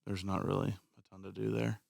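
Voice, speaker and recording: Co-host: lowish man with a gravelly fry, blunt casual talk, dry sound. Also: level tone, brisk, a little mellow, no room sound. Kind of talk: casual interview chat.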